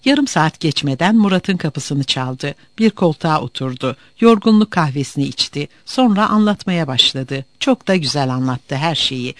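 A man reading a novel aloud as narrator, in an expressive, dramatic way. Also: a little high, moderate pace, hardly any pauses, no echo.

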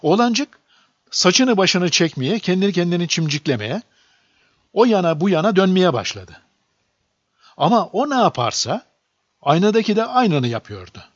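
A man narrating a children's storybook aloud in a lively, expressive reading. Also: high-pitched, moderate pace, long pauses, dry recording. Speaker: audiobook narrator. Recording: dull lo-fi dry recording.

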